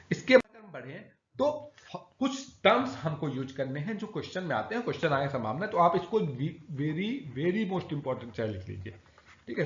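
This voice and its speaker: Lively, high-voiced man teaching a lecture. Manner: lively, repetitive teaching with rhetorical questions. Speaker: exam-prep teacher. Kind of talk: recorded lecture. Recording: echoey, dull lo-fi room recording.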